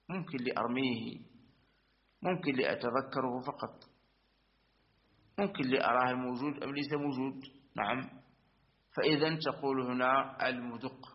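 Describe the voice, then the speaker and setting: A man gives a grammar lesson in a plain, mid-pitched voice. He works through each point methodically, repeats himself, and keeps affirming as he goes. The recording sounds dull and lo-fi. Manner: recites verse lines slowly. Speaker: teacher of Arabic grammar. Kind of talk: religious-school lesson explaining a verse text.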